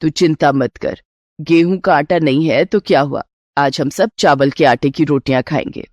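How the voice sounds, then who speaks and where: Woman doing a calm, low-voiced mother-in-law. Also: moderate pace, no echo. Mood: reassuring. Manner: calm, motherly, matter-of-fact. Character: resourceful middle-aged mother-in-law, calm and reassuring. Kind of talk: storybook character voice.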